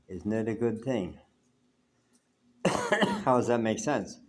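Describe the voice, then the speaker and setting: An older American man vlogs to camera from his apartment, reflecting and rambling, and remarks that he has a big voice. His voice sits on the low side with a slightly mellow quality.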